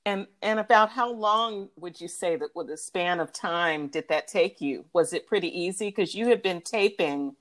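A woman's voice: fairly low pitch, normal speed, hardly any pauses, fairly bright tone. A woman interviewer who asks questions and responds with frequent short acknowledgments. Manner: attentive, frequent backchannel responses.

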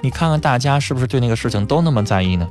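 A man's voice: mid-range voice, animated, racing, over loud music. A man hosting a radio call-in advice show, bluntly scolding and lecturing callers. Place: radio studio.

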